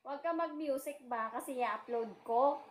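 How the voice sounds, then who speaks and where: A woman's voice: high-pitched, moderate pace, slight background noise. A woman, filming at home and insistently repeating herself to her husband. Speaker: wife filming the video. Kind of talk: casual bickering banter.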